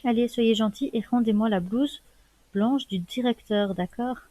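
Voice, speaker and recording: A woman's voice: on the high side, a little slow, mellow, no echo. A woman doing a bossy, stern nurse. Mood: scolding. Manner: bossy, scolding. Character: stern nurse scolding a patient.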